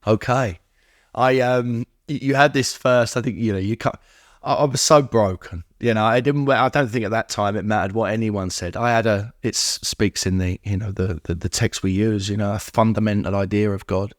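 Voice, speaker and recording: A man's voice: lowish voice, fairly even intonation, moderate pace, dry recording, clean studio sound. A man as a podcast guest, speaking candidly about recovery, with many restarts and fillers in an earnest, searching way.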